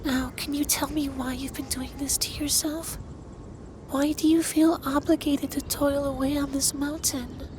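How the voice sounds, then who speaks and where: In an intimate ASMR roleplay, a man voices a centuries-old, androgynous male dragon, speaking to the listener as a stern but caring lover in a scripted monologue. His extremely high-pitched voice is flat in delivery, with formal, earnest, deliberate phrasing and a tender, reassuring mood. The recording has clear background noise with ambience.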